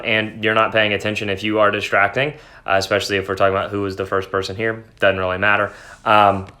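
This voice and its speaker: Speaking as a teacher, a man with a lowish, sharp-toned voice gives an informal, explanatory lesson that includes a dramatic read-aloud of a story. He breaks off from the reading now and then to paraphrase it in plain words.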